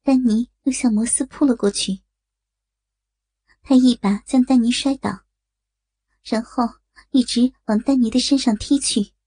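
A woman narrating an erotic audio story in a steady, even storytelling delivery. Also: on the high side, measured pace, pauses often, no room sound.

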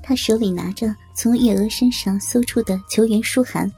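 A woman tells a historical tale with a steady, even-paced reading. Her voice sits a little high and mellow, with a soft breathy edge. Faint music plays underneath. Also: normal speed. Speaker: storyteller. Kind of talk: scripted narration of a historical tale.

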